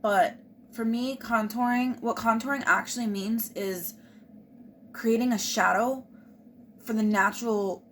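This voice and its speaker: A woman's voice: a little high, steady tone, unhurried, a little hiss or hum. Chatty woman talking through a makeup tutorial. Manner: chatty, explains each step as she goes. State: hiccuping. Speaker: beauty vlogger.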